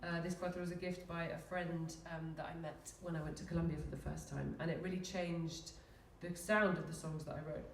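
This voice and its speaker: A woman from London, a singer-songwriter, chatting to a live audience between songs in a relaxed way, with plenty of ums and likes, while nursing a sore throat. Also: lowish voice, brisk, few pauses, a little hiss or hum. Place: small live music venue. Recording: roomy live room, voice from a distance, instrument behind.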